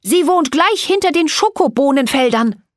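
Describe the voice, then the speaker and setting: Storybook gingerbread man, huffy and excitable, pitched up high by a woman narrator. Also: moderate pace, no echo, studio quality. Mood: excited.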